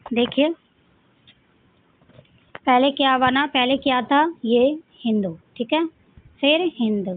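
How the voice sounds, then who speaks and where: A woman with a Rajasthani accent teaching an exam-prep lesson. She asks questions and answers them herself, repeating key points. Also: high-pitched. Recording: dry, phone-like audio.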